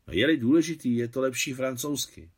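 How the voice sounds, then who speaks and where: A man's voice: mid-range voice, a little mellow, husky, voice pushed up, close to an everyday voice. A man reading the lines of a proud, tense young woman in a novel, polite and pleading.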